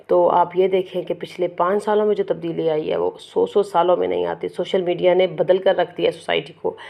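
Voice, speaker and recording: Woman, middle-aged, earnest preacher giving a lecture; low mellow voice with a gravelly edge. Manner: earnest, exhorting, rhetorical questions. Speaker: Quran lecturer. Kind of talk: religious lecture summary.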